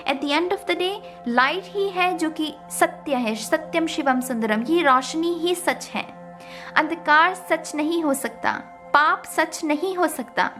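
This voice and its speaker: Woman, high voice, tarot reader, emphatic, rhetorical questions, faint music behind. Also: fairly bright tone. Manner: emphatic, rhetorical questions, Hindi mixed with English words. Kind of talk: spiritual talk to viewers.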